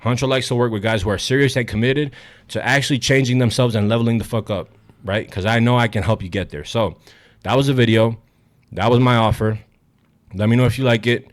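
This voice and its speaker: A man's voice: medium pitch, steady tone, fairly quick. A young man coaching fitness straight to camera, blunt, hyped and full of swearing, somewhat out of breath. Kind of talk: direct-to-camera fitness vlog.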